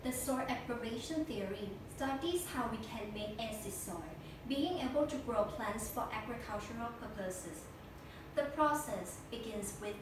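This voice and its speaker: A young woman recites a memorized speech for a competition, stiff and deliberate. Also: on the high side. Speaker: speech contestant. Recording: echo-heavy room, distant mic, noisy.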